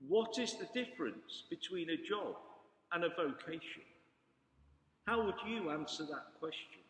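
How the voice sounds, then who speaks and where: A man with a fairly high-pitched voice delivers a solemn pulpit sermon. His phrasing is formal and measured, as a priest reads scripture or preaches a homily. The sound is very echoey, ringing with the long reverb of a large hall. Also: animated, fairly bright tone.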